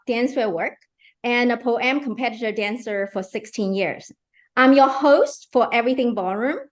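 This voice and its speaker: A middle-aged woman from Hong Kong hosts an online interview. Her voice sits a touch high, and she talks with eager enthusiasm, often checking in with her listeners. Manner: eager, enthusiastic, repeats filler checks like "right?" and "okay". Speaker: host.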